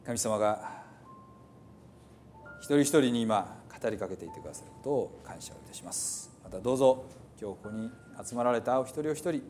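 A pastor leading a slow, reverent spoken prayer in a soft voice. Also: male voice, medium pitch, expressive, a little hiss or hum.

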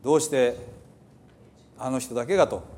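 A pastor leading a slow, reverent spoken prayer in a soft voice. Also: male voice, medium pitch.

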